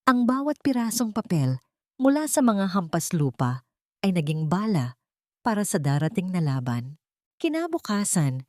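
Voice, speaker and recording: An audiobook narrator reads a dramatic story in a low, slightly mellow voice, solemn and deliberate as she follows a written script. The recording is close and dry, with very little room sound and no echo.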